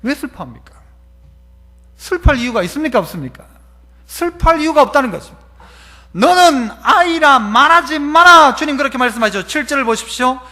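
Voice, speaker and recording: A man's voice: very high-pitched, sing-song, quick pace, long pauses, a bit bright. A male pastor, preaching a sermon and asking the congregation question after question. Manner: acts out quoted voices. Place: church sanctuary.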